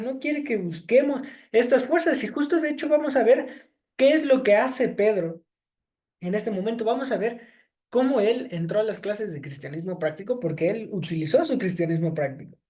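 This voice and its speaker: A man co-hosting a Bible discussion, retelling scripture scenes in a lively, storytelling way with acted-out quotes, over a video call. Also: high-pitched, moderate pace.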